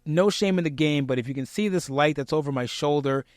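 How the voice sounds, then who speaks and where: Man with higher-pitched, projected presenter voice, dry sound. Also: a little fast, no room sound. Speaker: presenter giving public speaking tips. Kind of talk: conversational instructional talk to camera.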